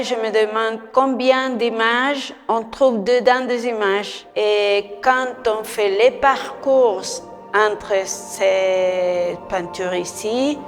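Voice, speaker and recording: Slow-woman, long echoing reverb. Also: fairly high pitch. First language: Spanish. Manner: deliberate, halting non-native French phrasing. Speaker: artist presenting their exhibition. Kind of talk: guided exhibition talk. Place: echoing gallery stairwell and rooms. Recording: long echoing stairwell reverb, music underneath. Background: music.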